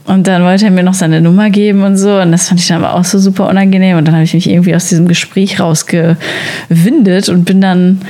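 A young woman from the Sauerland co-hosting a podcast, telling a story in casual chat with many fillers and quick laughs. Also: fairly low pitch, level tone, dark tone. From Sauerland, Germany. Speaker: podcast co-host.

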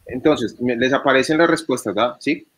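A man's voice: medium pitch, brisk, a bit bright, a little hiss or hum. Playful man hosting a quiz. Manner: playful, reads quiz questions aloud. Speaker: quiz host. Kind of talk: casual live-stream chat.

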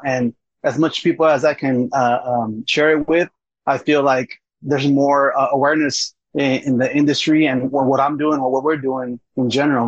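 A man speaking as a podcast guest in a casual chat, in a hesitant, halting way, on a slightly dull recording. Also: medium pitch, slightly rough, no echo.

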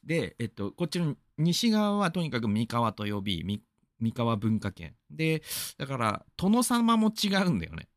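A man's voice: medium pitch, wildly swooping pitch, normal speed, no room sound, clean studio sound. A man from Aichi in Japan hosting a radio show, rambling through a casual monologue full of fillers and asides.

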